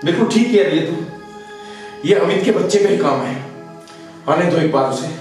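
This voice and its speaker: A man plays a quick-tempered head of the house in a village film drama. He scolds and accuses hard, his voice ringing in a very echoey room away from the mic. Music plays clearly behind him. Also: fairly high pitch, animated, recorded from a distance, close to an everyday voice. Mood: angry accusing. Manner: loud accusing scolding, later remorseful. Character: short-tempered middle-aged male householder. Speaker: master of the house.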